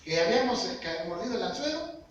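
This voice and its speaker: A man's voice: sits high, sing-song, fast, lo-fi sound. Man preaching in an echoey hall. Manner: earnest, asks the congregation questions. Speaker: lay preacher. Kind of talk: sermon. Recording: echoey hall, far-off mic, background noise.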